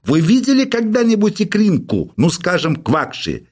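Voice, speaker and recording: A man voicing an irascible old male professor who shouts in hysterical outbursts, in an audiobook. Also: high voice, huge pitch swings, moderate pace, husky, voice pushed up, full character voice. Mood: furious. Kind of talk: audiobook character voice.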